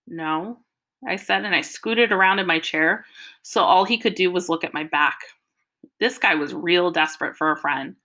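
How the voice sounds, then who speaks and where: A woman narrating a first-person audiobook in a lively, expressive storytelling manner. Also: medium pitch.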